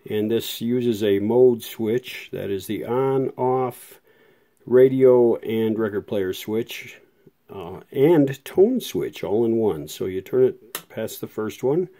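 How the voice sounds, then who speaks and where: At a workshop bench under fluorescent lights, a man casually demonstrates a vintage radio repair, rambling and hesitant with many fillers. His fairly low, warm voice is expressive and slow-paced. He films one-handed on a handheld phone camera, and the lights add a background hum.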